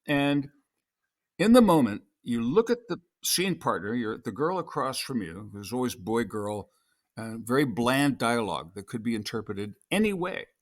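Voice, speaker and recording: A man's voice: mid-range voice, very animated, normal speed. An older man, an actor and podcast guest, telling long anecdotes in a casual interview with many restarts.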